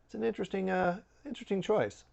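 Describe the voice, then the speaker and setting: A man's voice: sits high, steady tone, quick pace, creaky, darkish tone, dull audio, slight background noise. A man giving a casual, chatty snack review with wry, joking asides.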